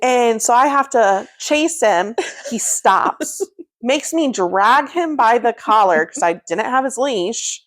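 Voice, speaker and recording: Lively woman telling a comic story. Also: slow. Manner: animated, acts out quoted lines with big pitch jumps; frequent laughter while talking. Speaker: podcast co-host.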